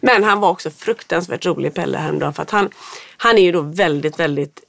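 A woman's voice: fairly low pitch, vocal fry, dry recording. A woman in her thirties telling a story in casual chat, acting out the voices of the people in it. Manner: lively storyteller, acts out quotes.

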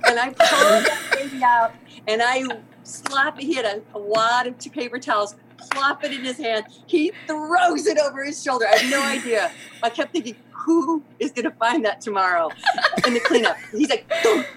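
Middle-aged woman guest, lively storyteller, big pitch swings, noise behind the voice. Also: moderate pace. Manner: lively, laughing, acts out quoted lines. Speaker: podcast guest, theater artistic director. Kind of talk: animated storytelling.

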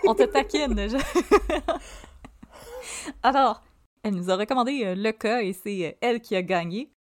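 A woman's voice: on the high side, animated, a little slow. A woman with a Québécois French accent co-hosting a podcast, upbeat and teasing, laughing often. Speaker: podcast co-host. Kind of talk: casual chat.

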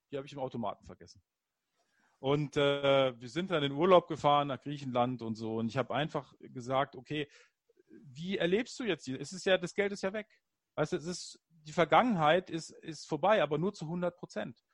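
A man in casual conversation, telling personal stories in an animated, upbeat way. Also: a little high, dry recording, studio quality.

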